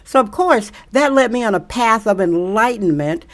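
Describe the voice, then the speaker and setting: A woman's voice: on the high side, expressive, normal speed. A middle-aged woman from Wisconsin giving an emphatic, preachy monologue to camera, repeating rhetorical questions to press her point. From Milwaukee, Wisconsin. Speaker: social media commentator.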